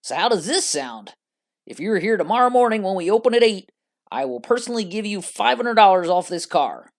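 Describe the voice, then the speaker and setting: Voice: medium pitch, expressive, fairly quick, gravelly, voice pushed up. A narrator doing a cocky sales manager. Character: brash confident male car sales manager.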